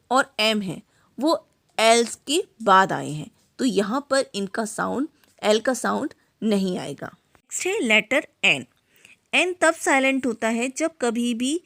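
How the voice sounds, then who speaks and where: Slow, gravelly woman teaching English words. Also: fairly high pitch, fairly bright tone. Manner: spells out letters and says example words one at a time. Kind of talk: slow spoken grammar lesson.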